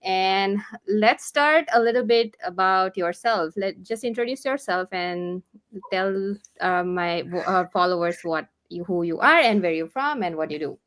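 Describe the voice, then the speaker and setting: A woman's voice: medium pitch, animated, fairly bright tone. A woman hosting a casual live online interview, earnest and encouraging, often restarting her sentences. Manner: halting, with many restarts and fillers. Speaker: host.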